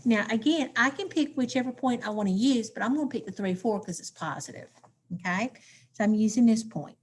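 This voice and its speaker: A woman's voice: on the high side, a little fast. A woman teacher, walking through math steps aloud in a recorded lesson and checking in with "okay?".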